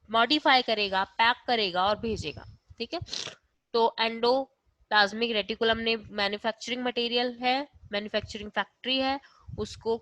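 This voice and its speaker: Female teacher, fairly high voice, dry close sound, steady question-and-answer lecture style mixing English terms in. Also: dry recording, rough recording. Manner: keeps asking and answering her own questions; checks in with "okay" after each point. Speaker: biology teacher. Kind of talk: class lecture.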